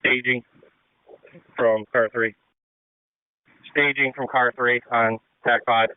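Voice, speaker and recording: A man speaks over a narrow-band two-way radio as a fireground officer. His voice is clear and mid-pitched, and his delivery is terse and procedural, in firefighter radio style. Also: flat delivery, takes it slowly, no room sound. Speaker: fireground incident officer directing crews by radio.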